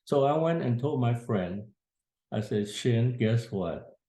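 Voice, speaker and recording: A man in his eighties tells a family story from his youth in a casual spoken memoir, plain-spoken and earnest. His medium-pitched voice is warm and animated but slow, recorded in an echoey room.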